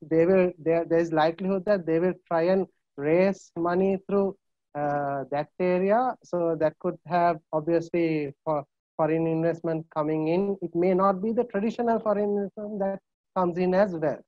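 A man with a Sri Lankan English accent, an analyst on a video call panel, speaking haltingly with many filler sounds. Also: sits high, steady tone, no echo. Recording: muffled video call audio.

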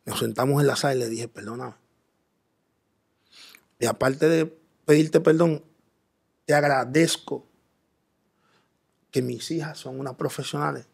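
A man's voice: mid-range voice, measured pace, gravelly, long pauses, darkish tone, slightly rough. A man telling an earnest personal testimony as an interview guest, quoting himself in dialogue.

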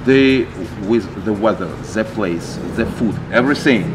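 Earnest low-voiced boxing coach. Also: male voice, over music, low-quality recording. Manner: halting, searching for words, earnest. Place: open-air boxing gym.

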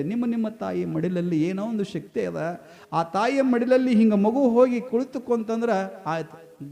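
Male village preacher, North Karnataka accent, high voice, homely storytelling that prods the audience. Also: mellow. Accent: North Karnataka Kannada. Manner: folksy, keeps asking the crowd for a response. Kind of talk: storytelling sermon to a village gathering.

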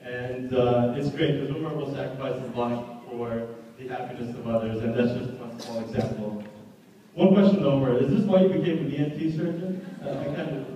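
A man's voice: medium pitch, steady tone, fairly quick, mellow, dull audio, a little hiss or hum. A young man giving a joking best man speech at a wedding, telling stories and often restarting his words. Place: wedding reception hall. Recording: echoey hall from far off.

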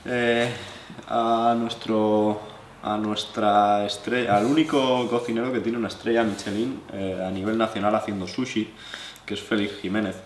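This knife-sharpening instructor, a man from La Mancha with a low voice and a Spanish accent from Spain, talks to viewers at normal speed in a hands-on tutorial. He's relaxed and explanatory with chatty asides, sitting at a wooden table in an echoey living room with a little hiss or hum.

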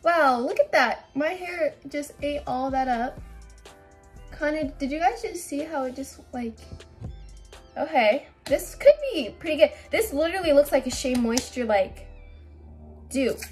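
A woman's voice: sits high, measured pace, soft background music. A young woman vlogging casually at home into a camera mic, chatty and a little anxious, rambling and restarting her sentences. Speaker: beauty vlogger. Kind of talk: casual vlog chat.

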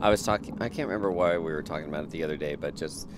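A man's voice: a bass voice, rapid-fire, background noise. A young man from Florida chatting casually as a streamer, rambling and trailing off with fillers. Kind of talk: casual chat.

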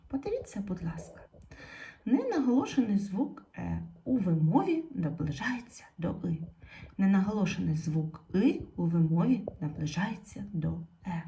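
This primary school teacher speaks slowly and patiently in a video lesson, addressing young pupils directly and encouraging them. Her voice sits on the low side, gravelly and dark.

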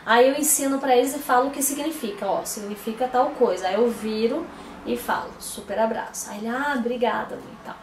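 At home indoors, a Brazilian mom vlogger chats casually with her audience in a Brazilian Portuguese accent, often correcting herself mid-sentence. Her voice is a little high and a little fast, and the sound is roomy with a noisy background.

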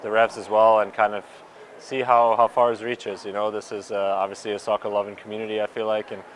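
After a match, a young pro soccer player with a low, level voice answers a cluster of reporters in the stadium media area, in front of a sponsor backdrop. He speaks haltingly, with lots of ums and restarts, into handheld mics and recorders held close, and his pitch barely moves. A faint stadium hum sits behind him, and the recording is rough.

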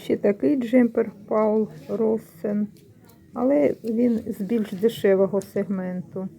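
A woman's voice: medium pitch, fairly even intonation, takes it slowly, vocal fry, mellow, a little hiss or hum. A middle-aged woman vlogging casually about secondhand clothes. She explains each item unhurriedly and corrects herself mid-word. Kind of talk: casual vlog commentary. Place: secondhand shop, indoors.

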